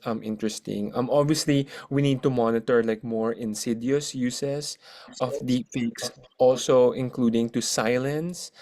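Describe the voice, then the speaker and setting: A man's voice: mid-range voice, darkish tone. Hesitant man answering on a video call. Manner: hesitant, many ums. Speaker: panelist researcher. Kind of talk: online forum answer.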